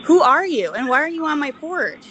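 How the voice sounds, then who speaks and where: A homeowner woman talking through a doorbell intercom speaker, sharp and demanding as she confronts someone at her door. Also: sits high, very animated, normal speed, slight background noise. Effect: heard through a doorbell intercom speaker. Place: speaking remotely into a doorbell camera system.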